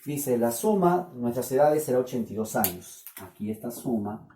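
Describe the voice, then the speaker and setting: A man's voice: medium pitch, animated, moderate pace, dark tone, a little hiss or hum. A man with a Peruvian Spanish accent, teaching a math class and keeping on asking the students whether they follow. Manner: questioning, keeps checking with students. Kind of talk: classroom lecture. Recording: echoey room, voice from a distance.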